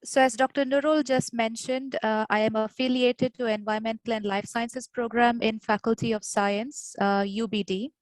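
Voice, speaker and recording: A woman's voice: on the high side, fairly even intonation, moderate pace, hardly any pauses, dry recording, rough recording. A woman from India giving an academic webinar lecture over a video call, explaining patiently with frequent "uh" fillers. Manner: hesitant, many "uh" fillers, explanatory.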